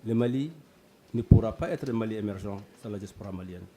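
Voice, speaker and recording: A man's voice: lowish voice, fast, mellow, slight background noise. A man representing a diaspora association, making an earnest, reassuring statement. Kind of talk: interview statement.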